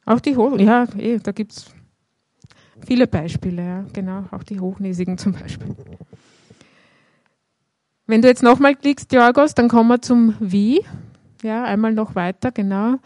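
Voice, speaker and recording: A woman gives a sermon in an easy, conversational way. She keeps checking in with her listeners with a soft "ja" and works through the passage one step at a time. Her voice is recorded close and dry, with no room sound. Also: a little high, measured pace, long pauses, no room sound. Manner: conversational, frequent "ja" tags. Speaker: preacher. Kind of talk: sermon with Bible reading.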